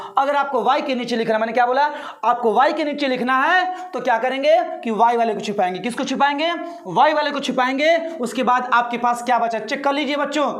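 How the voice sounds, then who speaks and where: A man teaching a math lesson online, reassuring his pupils and keeping them engaged with repeated questions. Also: extremely high pitch. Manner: repeats steps slowly for pupils to say along.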